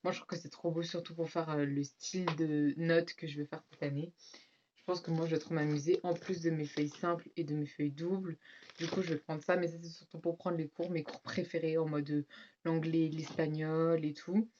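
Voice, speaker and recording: Slightly congested from a cold, a French-accented teen girl chats casually through her school supplies for a haul vlog, her low, stuffy voice flat and a little mellow, with plenty of fillers and side comments to her audience. A noticeable hiss sits under the dull, muffled sound.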